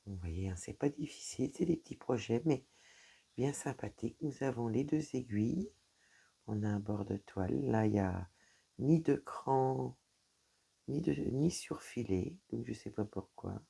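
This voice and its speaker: A woman with a very deep, mellow, husky voice speaks unhurriedly with lively intonation and vocal fry. A crafting vlogger, she chats casually to her viewers through an unboxing, handling items and leaning on fillers like "voilà" and "donc".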